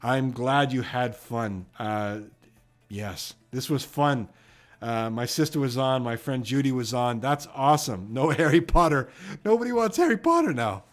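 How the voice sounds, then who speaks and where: Speaking a little slowly, with lively intonation in a mid-range voice, this Canadian-accented man from Edmonton runs a trivia live stream. He reads viewer comments aloud and rambles loosely, dropping plenty of fillers and "you know what".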